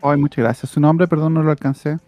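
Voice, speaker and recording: A man's voice: fairly high pitch, steady tone, quick pace, darkish tone, no room sound, soft background music, close to an everyday voice. A Chilean man voicing a sweet, affectionate elderly rich lady who hosts guests in a tabletop role-play, fussy and polite.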